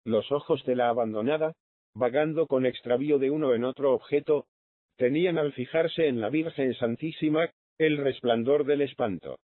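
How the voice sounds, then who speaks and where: Brief: male audiobook narrator, mid-pitched, solemn and measured, lo-fi thin sound. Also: no echo. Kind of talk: audiobook narration of a classic novel.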